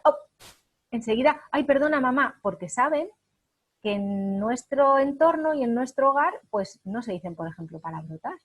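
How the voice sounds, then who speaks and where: A woman coaching parents in an emphatic teaching voice, acting out little examples as she goes. Her voice sits fairly high and carries a husky edge. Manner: emphatic, explains with acted examples. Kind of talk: spoken parenting lesson.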